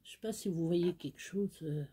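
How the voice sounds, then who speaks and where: A woman's voice: on the low side, moderate pace, dark tone, slightly rough. A woman chatting casually and bluntly into her phone camera at home late at night. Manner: chatty and unfiltered, coos at her pets. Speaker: vlogger. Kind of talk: casual night-time vlog.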